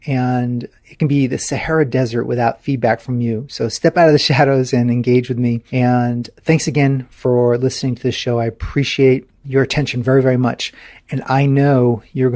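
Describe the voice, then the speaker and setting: A man's voice: mid-range voice, darkish tone. A man hosting a podcast, interviewing a guest in a casual, chatty way. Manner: friendly, chatty, laughs often. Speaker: podcast host.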